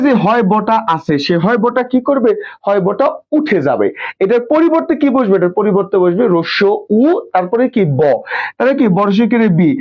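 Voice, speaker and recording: A man teaching an exam prep lesson, asking questions and answering them himself and drilling pronunciation slowly. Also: high-pitched, dull audio.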